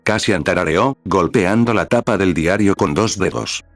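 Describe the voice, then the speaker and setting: A man reading a story aloud in scripted narration with an even, measured delivery. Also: deep voice, no echo, faint music behind.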